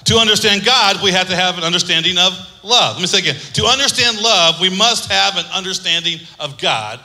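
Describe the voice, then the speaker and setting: In a large hall, a man preaches with call-and-response and humor, having the congregation echo his words and cracking jokes between points. The pastor's voice sits high, expressive and a little fast, pushed and bright.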